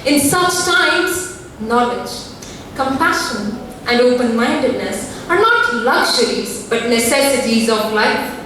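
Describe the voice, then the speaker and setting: A teenage girl with an Indian accent delivers a rehearsed, formal declamation as a student contestant, with precise, deliberate elocution. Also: fairly high pitch, very animated, fairly bright tone. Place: school hall at a speech contest. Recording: very echoey hall, distant mic, faint noise.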